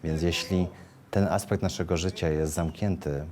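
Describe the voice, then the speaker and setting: A man speaking calmly and reflectively in a documentary interview. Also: low-pitched, normal speed.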